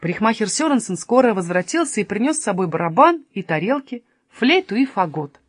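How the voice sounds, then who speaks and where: A woman reading a children's story aloud with lively, expressive narration. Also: medium pitch, fairly quick, slightly rough, no room sound, studio quality.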